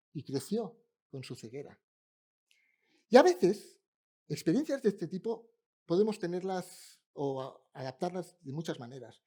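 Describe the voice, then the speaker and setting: A man delivers a sermon in a church, chatting with the congregation in a humorous, easy way. His voice is somewhat husky, with a lively, swinging pitch. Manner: conversational, humorous, addresses congregation. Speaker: pastor preaching. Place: church in Barcelona.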